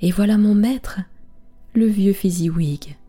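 A woman voicing a frightened old miser in a hushed, pleading voice in a bedtime story. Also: mid-range voice, slow pace, husky, voice pushed up. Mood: wistful.

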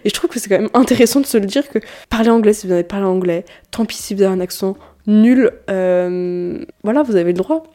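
A 19-year-old Frenchwoman hosts her own podcast, chatting alone in a casual, rambling way and frequently correcting herself. Her mid-range voice is mellow and runs slightly quick.

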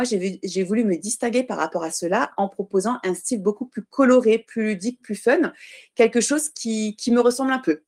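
Here a woman of Portuguese heritage, medium in pitch, appears as a podcast interview guest. The founder of a baby clothing brand, she lays out her product step by step, earnest and explanatory, stopping often to fix what she just said.

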